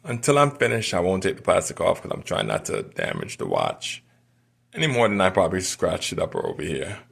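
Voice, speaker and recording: Gravelly man rambling through a demo. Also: low voice, wildly swooping pitch, brisk, fairly bright tone. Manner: rambling, talks while working with his hands. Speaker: watch hobbyist demonstrating. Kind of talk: unscripted casual demonstration.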